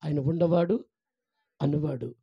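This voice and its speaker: High-voiced fervent male preacher. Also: unhurried, creaky, slightly rough, highs cut off. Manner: fervent preaching, swinging from loud exclamations to hushed pleading; addresses listeners tenderly as child and mother. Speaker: pastor. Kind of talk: fasting prayer sermon.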